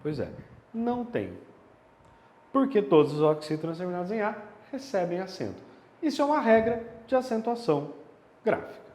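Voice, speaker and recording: A man's voice: high voice, very animated, normal speed, a little mellow. A man teaching a grammar lesson, explaining step by step and checking in with rhetorical questions. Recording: echoey room with long reverb.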